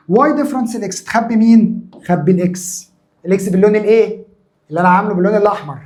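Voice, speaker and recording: A mellow-voiced male math teacher with an Egyptian Arabic accent leads a lesson at a mid pitch for a man. He keeps firing questions at the class and answering them himself, hammering each point home by repeating it. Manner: asks his own questions and answers them, drilling by repetition.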